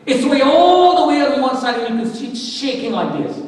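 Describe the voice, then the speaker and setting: A man's voice: very high-pitched, animated, fairly quick. A man giving a dramatic testimony as guest speaker in church, acting out the words of the people in his story. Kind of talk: testimony sermon. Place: church sanctuary. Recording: echoey church hall from far off.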